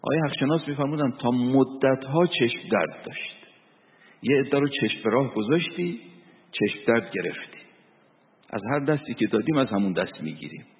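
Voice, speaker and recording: In an expressive, mid-range voice, a male cleric preaches through stories and recitations of verse and the Quran. The recording sounds tinny, like a phone, and has long reverb.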